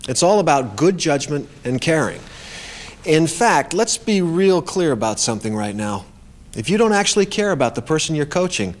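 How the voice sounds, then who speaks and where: A man presenting a workplace coaching lesson in a conversational, emphatic scripted narration. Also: medium pitch.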